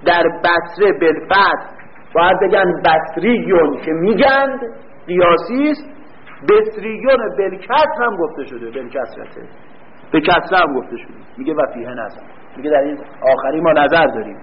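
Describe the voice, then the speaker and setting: Lively man teaching, dull lo-fi sound. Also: on the high side, a little hiss or hum. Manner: quizzes the class and answers his own questions; reads a line slowly, then explains it quickly. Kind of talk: classroom lecture on grammar. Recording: dull lo-fi recording.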